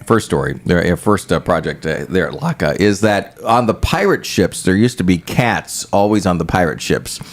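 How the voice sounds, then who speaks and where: A man hosting a casual morning radio interview in a studio, chatty and stumbling over his words, quick to laugh. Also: low voice, expressive. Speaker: radio host.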